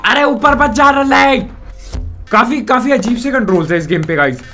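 Excitable high-voiced man gaming. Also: moderate pace, faint music behind. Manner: excitable, jokey, mock-insults the character. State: sore throat. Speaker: gaming YouTuber. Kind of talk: casual let's-play commentary.

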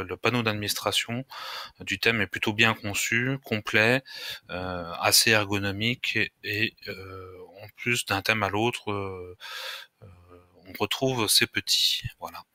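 A man hosting a screen-recorded software tutorial, talking hesitantly with frequent filler pauses. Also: on the low side, dry recording, studio quality. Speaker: tutorial host.

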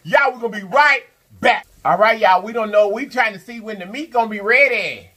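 Eating on camera for a mukbang vlog, a woman keeps up casual chatter with viewers, dropping frequent mm sounds between mouthfuls. She talks a little fast in a slightly high, sharp voice.

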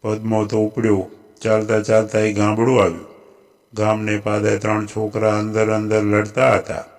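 A man with a Gujarati accent narrating a folk tale in a steady, even storytelling voice. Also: fairly low pitch, moderate pace.

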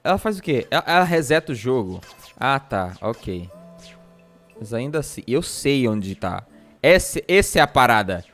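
A man's voice: mid-range voice, sing-song, a little slow, fairly bright tone, faint music behind. A young man with a Brazilian accent streaming a game live, shrieking and cursing when startled and laughing often. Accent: Brazilian Portuguese. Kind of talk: live gameplay commentary.

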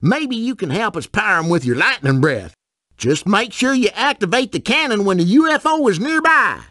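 In clean studio sound with no room tone, a man delivers full character dialogue for a video game, voicing a simple, good-natured farmer with a folksy rural American accent. His high, bright voice is sing-song and forceful at a normal pace, and the mood is earnest and folksy.

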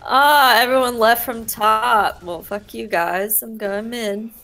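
A woman's voice: fairly high pitch, steady tone, slow pace, sharp tone. A woman chatting casually and jokingly while playing a game with friends on a headset. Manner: playful, joking. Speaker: gamer in a group stream. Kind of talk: casual gaming chat.

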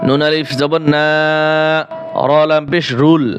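A man with a Bangladeshi Bengali accent teaching Quran recitation, spelling the verses out letter by letter and chanting them slowly. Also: on the high side, flat delivery, slight background noise. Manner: slow drawn-out chanting of verses between quick spelling drills.

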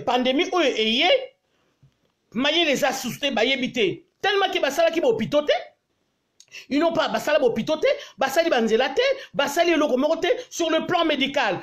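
A Congolese woman vlogger ranting angrily on a live stream, mixing French with her native tongue and pleading repeatedly for viewers to share. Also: high voice. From Congo (DRC). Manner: angry, repetitive pleading to share. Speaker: diaspora vlogger.

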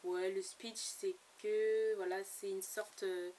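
A woman's voice: mid-range voice, level tone, takes it slowly, mellow. A woman chatting casually about books she bought, hesitant and full of fillers and restarts. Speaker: book blogger. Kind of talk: casual book haul vlog. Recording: slightly distant mic with faint background noise.

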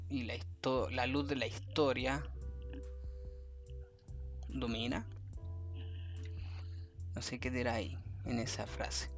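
A man thinking aloud in a casual screen review, often exclaiming in mock dismay. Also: mid-range voice. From Chile. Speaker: history vlogger.

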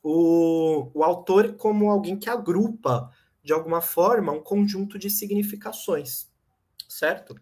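A man in his thirties with a Brazilian Portuguese accent gives a lively, ironic online philosophy lecture for his channel, explaining ideas and joking with his audience. He speaks in a high, unhurried voice to a desk webcam in a home room lined with bookshelves.

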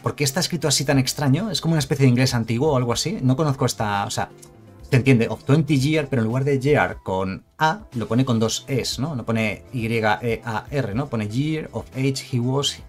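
A man giving casual live commentary on a card game, rambling and chatty, with asides and self-corrections. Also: medium pitch.

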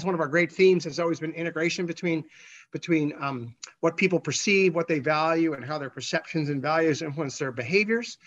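A man giving a conversational scientific slide presentation as a researcher, halting, with repeated words and false starts. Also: on the high side, fairly bright tone, muffled recording.

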